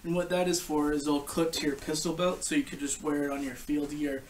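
A young man giving a casual, informal product review to camera, explaining things in a halting way. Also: on the high side, level tone. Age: young adult. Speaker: gas mask collector and reviewer. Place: living room couch, indoors. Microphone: camera a short distance away. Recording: distant camera mic with background noise.

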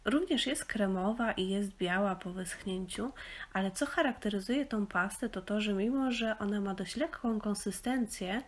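A young woman from Poland talks through a craft tutorial in a relaxed, explanatory voice-over. Her pitch sits in the middle range, and she often pauses on small fillers while she thinks. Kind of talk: casual instructional voice-over.

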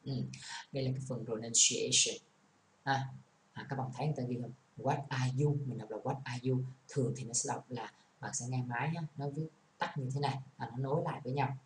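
A man's voice: medium pitch, steady tone, quick pace, fairly bright tone. A man with a Vietnamese accent teaches an English lesson, walking through each example with patient explanation. His voice sits in the middle range. It rings in an echoey room, with a faint hiss underneath. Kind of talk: classroom lesson.

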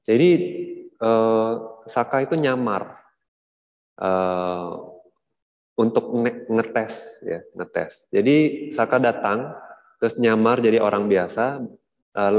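Man, Buddhist teacher, low voice, casual storytelling, lots of fillers, long reverb. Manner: relaxed, conversational, frequent fillers and tag words. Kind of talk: storytelling in a dharma class.

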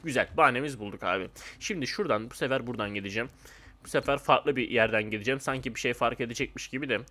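A young man with a Turkish accent giving casual, excitable commentary over a game he keeps failing, often yelping and complaining. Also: medium pitch, racing. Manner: excitable, frustrated, yelps and exclaims at fails. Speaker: gaming YouTuber.

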